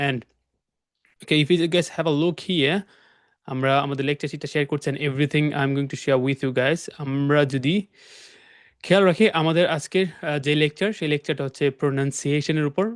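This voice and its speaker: A man's voice: on the high side, clean tone, no echo, clean studio sound. Bangladeshi man teaching an online class. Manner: mixes Bengali and English, addresses students directly. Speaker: English teacher. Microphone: video call.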